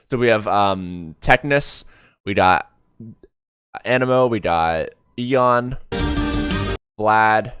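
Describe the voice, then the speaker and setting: Over music, a streamer with a lowish voice reacts to an animated comic, speaking extremely slowly and pausing often. His casual commentary rambles, and he often corrects himself mid-thought with trailing self-corrections.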